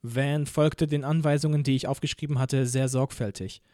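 A man reading a novel aloud in first person, expressive and acting out the dialogue. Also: mid-range voice, moderate pace, dry recording, clean studio sound. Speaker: audiobook narrator. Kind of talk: scripted first-person narration.

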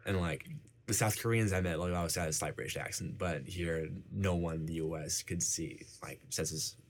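In a relaxed interview, a young adult man who grew up speaking Icelandic keeps dropping "like" into his sentences. He has a deep voice and a moderate speaking speed.

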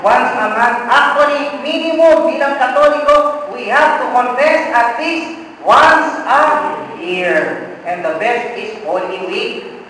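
A priest preaching a sermon, joking and teasing the congregation with quoted voices. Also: male voice, extremely high pitch, expressive, slow, pushed and bright, slight background noise. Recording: echoey hall, mic far off.

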